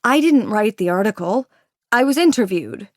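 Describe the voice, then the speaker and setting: A woman's voice: medium pitch, lively intonation, moderate pace, dry recording, clean studio sound, natural voice. A woman voicing a determined, indignant young woman reporter in an audiobook, with the spirited delivery of a cozy mystery narrator. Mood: defensive. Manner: spirited, protesting. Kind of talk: audiobook character dialogue.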